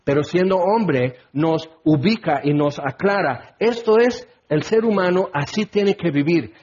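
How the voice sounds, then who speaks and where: Animated husky preacher, high voice. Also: male voice. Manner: animated, acts out little scenes with put-on voices. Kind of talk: sermon. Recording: dull lo-fi recording.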